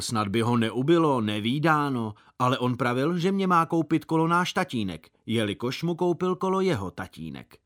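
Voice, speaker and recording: A man's voice: mid-range voice, fairly bright tone. A man reading a children's novel aloud, narrating in the first person as a boy. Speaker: reader.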